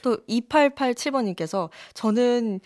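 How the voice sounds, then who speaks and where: Woman announcer guest djing live radio, a bit high, lively tone, dry close studio mic. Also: a little slow, no room sound. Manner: bright, clear announcer delivery with easy laughs. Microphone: studio microphone.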